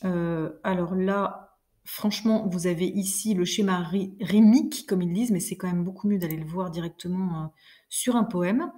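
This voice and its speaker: A woman teacher explaining poetry to her class, reading lines of verse aloud slowly and patiently. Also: fairly low pitch, warm tone. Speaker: French teacher. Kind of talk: recorded class lesson.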